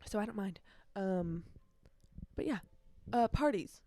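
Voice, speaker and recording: With a medium-pitched, darkly toned voice and lively intonation, this solo podcast host speaks at a measured pace. She's nineteen and keeps things casual, wandering off track, catching her own slips, and leaning on young slang and emphatic repetition.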